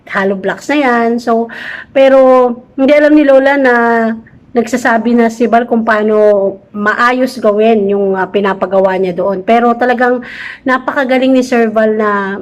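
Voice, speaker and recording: A woman hosting a reaction video, explaining in unhurried asides. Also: a little high, poor audio. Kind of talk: relaxed reaction commentary.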